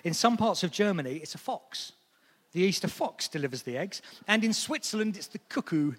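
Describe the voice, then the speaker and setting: A man in his thirties preaching a sermon in a church, chatty and lively with friendly asides. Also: high-pitched, a little fast. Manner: lively, conversational, with asides and light laughs. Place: church hall. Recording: long echo of a church hall.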